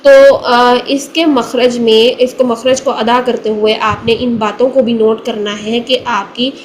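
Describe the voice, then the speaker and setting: A woman with a Pakistani Urdu accent gives a careful recitation lesson in a fairly high voice. She sounds out single syllables slowly and repeats them patiently. A faint hiss sits under her voice. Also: little pitch movement, low-quality recording. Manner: patient, slow demonstrating of letter sounds. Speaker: Quran recitation teacher. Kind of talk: tajweed lesson.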